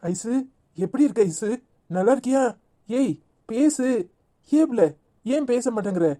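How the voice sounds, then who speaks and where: Here is a woman voicing a worried young husband in a cartoon with a Tirunelveli accent. The voice is mellow, a touch high, and coaxing. He keeps pleading softly and patiently. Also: animated, a little slow. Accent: Tirunelveli Tamil.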